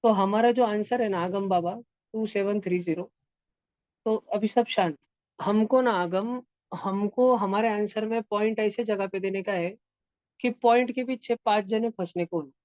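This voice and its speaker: A man's voice: high voice, moderate pace, no echo. Guy teaching math class, keeps asking if everyone gets it, muffled dry audio. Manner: patient, repeats steps and keeps checking if students follow. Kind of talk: classroom lesson to online and offline students.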